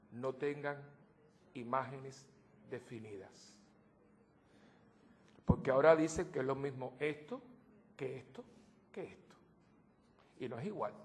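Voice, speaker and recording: A priest delivers an animated sermon to his congregation, slipping in joking asides. He swings between loud outbursts and soft, low remarks.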